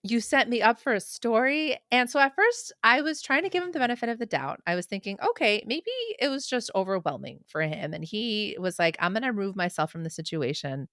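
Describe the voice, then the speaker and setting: A woman's voice: medium pitch, lively intonation, fairly quick, few pauses, fairly bright tone, dry recording, clean studio sound. A woman in her thirties co-hosting a podcast, talking earnestly and bluntly about a movie. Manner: earnest, blunt, occasional swearing. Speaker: podcast co-host. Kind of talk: casual movie recap chat.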